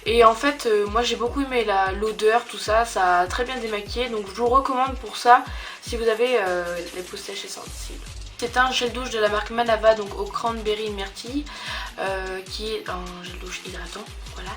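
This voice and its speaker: A woman's voice: mid-range voice, normal speed, a bit bright, faint music behind. A young woman chatting casually in a beauty product review, hesitant and full of fillers and restarts. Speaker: beauty vlogger.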